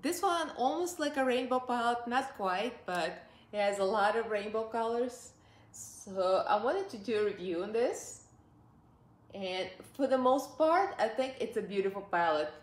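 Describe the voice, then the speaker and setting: A Russian woman in her forties, a beauty vlogger, reviews makeup from her living room sofa in a Russian accent, chatty, upbeat and laughing often. Her voice sits a little high with lively intonation and an unhurried pace, and the room sounds echoey.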